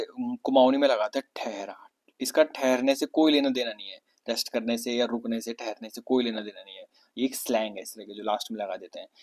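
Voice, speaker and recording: A man's voice: medium pitch, darkish tone. A young man from Uttarakhand, India, teaching an exam vocabulary lesson, explaining each word with repetition and rhetorical questions. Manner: explanatory, repeats words and asks rhetorical questions.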